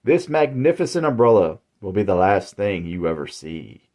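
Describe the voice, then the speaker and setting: A man's voice: fairly low pitch, sing-song, normal speed, mellow. A man doing an eerie courtly old umbrella salesman. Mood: silky. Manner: courtly, folksy, old-fashioned phrasing. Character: polite sinister old male umbrella salesman.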